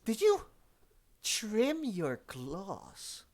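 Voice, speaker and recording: A man's voice: sits high, wildly swooping pitch, drawn-out words, a little mellow, voice pushed up, full character voice. A man voicing Pookie, a haughty cat chief.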